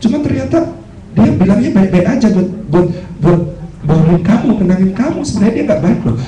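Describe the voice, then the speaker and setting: A man's voice: high voice, animated, brisk, crowd noise, pitched above the performer's own voice. A man voicing a sly male devil who coaxes and tempts, in an echoey hall recorded from a distance. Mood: coaxing. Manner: coaxing, insinuating whisperer.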